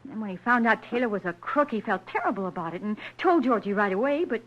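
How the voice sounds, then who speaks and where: An earnest young woman, imploring in a high voice that swings widely with feeling. It is vintage radio crime drama, with slightly muffled sound. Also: expressive, fast talker. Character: earnest, pleading young woman loyal to her man. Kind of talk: old-time radio crime drama acting.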